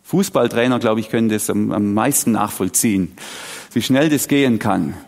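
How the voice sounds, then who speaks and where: A man, preaching a sermon with animated, dramatic storytelling and sudden drops to a quiet voice. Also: fairly low pitch, normal speed, vocal fry. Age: 40s. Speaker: pastor.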